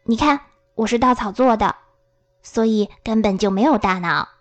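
A woman reading a storybook aloud and voicing a gentle, friendly scarecrow in a very hoarse voice. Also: a little high, moderate pace, highs cut off, lightly acted. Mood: wondering. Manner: soft and friendly.

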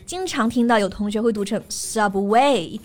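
A young woman co-hosts a bilingual English-learning podcast with a calm, teacherly manner. Her voice sits slightly high and stays steady as she explains stress and spells words out. She sounds composed and clear. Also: fast talker. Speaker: podcast co-host.

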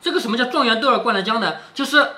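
A man with a very high, sharp-toned voice races through a classic novel, reading it aloud and explaining it as he goes. He's chatty, a book reader and commentator who keeps checking in with the listener by asking "right?"

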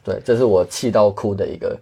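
A man's voice: fairly low pitch, fairly quick, creaky, dark tone, breathy edge. A man, a guest earnestly telling travel stories in casual chat. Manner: earnest, candid, many restarts.

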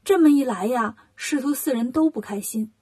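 A woman reading a children's story in a lively, homey way. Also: sits high, moderate pace, husky.

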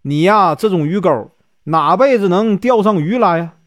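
A man's voice: sits high, animated, no echo, clean studio sound. A man with a Northeastern Mandarin accent voicing a brash, jeering young woodcutter in a told folk story. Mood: mocking. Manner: jeering, quick to laugh and complain.

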